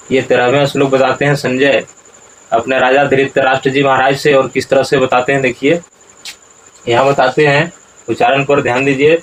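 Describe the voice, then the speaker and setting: A man teaching Sanskrit verse pronunciation, breaking words into syllables slowly and deliberately. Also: medium pitch, slight background noise, poor audio. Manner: slow, deliberate, syllable-by-syllable recitation. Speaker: Gita recitation teacher.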